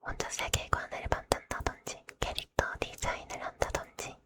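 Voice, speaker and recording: A woman speaks entirely in a breathy whisper, as in an ASMR video. She chats casually and politely, addressing her listeners softly as the host. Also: normal speed.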